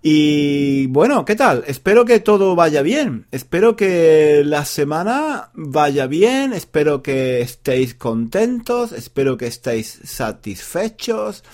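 A man, a university Spanish teacher, talking slowly and repeating each phrase for learners in a playful, joking way. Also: on the high side, big pitch swings, a little mellow. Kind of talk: slow, repetitive Spanish practice monologue for learners.

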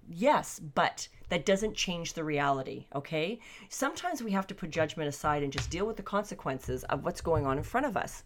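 Older woman, low voice, candid, conversational, home vlog. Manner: candid, conversational, thinking aloud. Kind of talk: personal reflective monologue. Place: basement suite at home.

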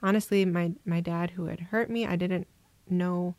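A woman from Minnesota, a guest on an interview podcast, telling her personal story in a reflective, soft-spoken way. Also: fairly low pitch, fairly even intonation, normal speed, dry recording. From Minnesota, USA. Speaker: guest adoptee.

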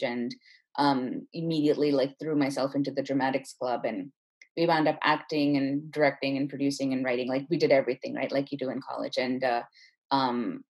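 With a rumbling low, darkish voice and a breathy edge, this Chennai-born woman in her thirties chats through her story as an interview guest. She keeps it casual and informal, dropping "like" frequently.

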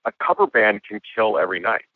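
A man with a hoarse voice, a guest musician and filmmaker talking reflectively in a casual interview. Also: fairly low pitch, fairly quick, no echo. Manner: reflective, with frequent restarts and laughs. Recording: tinny phone-like line.

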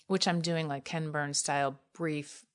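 A woman, a guest author telling a story in casual conversation, animated and laughing, with many 'like' fillers. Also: low voice, a little slow, smooth.

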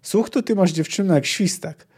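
A man reading a book aloud and voicing a gruff, blunt male dwarf who scolds and mocks a girl. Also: sits high, moderate pace, a little mellow, voice pushed up. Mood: scolding.

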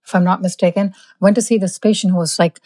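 A woman physician, born in India and raised in the US, tells workplace anecdotes in casual conversation as a guest, sounding emphatic and indignant. Her voice is mid-range and mellow, with fairly even intonation, and she talks fast.

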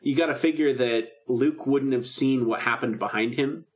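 The audio is poor as a male podcast co-host recaps a radio drama in casual, enthusiastic fan talk. His mid-range voice moves at normal speed.

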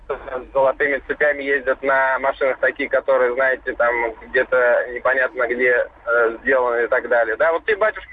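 A middle-aged man calling in to a radio show over the phone, talking in a rambling way with lots of fillers. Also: medium pitch. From Russia. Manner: rambling, conversational, with many fillers. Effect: phone line. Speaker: caller. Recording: tinny phone line.

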